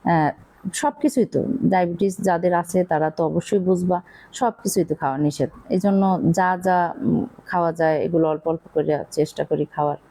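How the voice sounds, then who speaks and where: বরিশালের টানে মাঝবয়সী মহিলা, রান্নার ভিডিওতে খোশগল্প, অনেক আ উম, ঘরোয়া আলাপ. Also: female voice, on the low side, mellow. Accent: Barishal Bengali. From Bangladesh. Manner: chatty, rambling, confiding, many fillers. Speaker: cooking vlogger. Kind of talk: casual chat while cooking.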